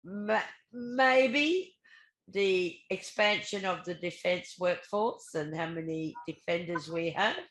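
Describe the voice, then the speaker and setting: An Australian woman talks through budget numbers in a relaxed, chatty way, reading out figures as she goes. Her voice sits low. The room around her rings with noticeable echo. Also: takes it slowly. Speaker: co-host. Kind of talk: casual discussion of the federal budget. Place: regional home.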